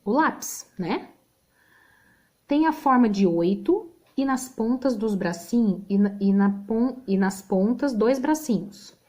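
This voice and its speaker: A woman's voice: a little high, expressive, slow pace, a little mellow. A woman with a Brazilian Portuguese accent teaching a remote spelling lesson, patient, checking in with the class often.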